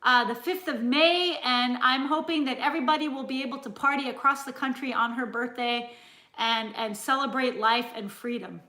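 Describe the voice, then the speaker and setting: Bright high-voiced chatty woman host. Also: normal speed, a little hiss or hum. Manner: chatty, frank, laughs often. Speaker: cooking channel host. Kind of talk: casual live-stream chat. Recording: roomy echo.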